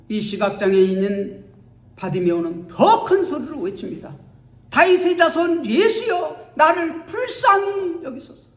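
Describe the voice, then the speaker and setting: A male pastor delivers a Sunday sermon in a church sanctuary, telling the story dramatically and acting out its scenes. His voice is high-pitched and a little mellow, with the echo of a church hall.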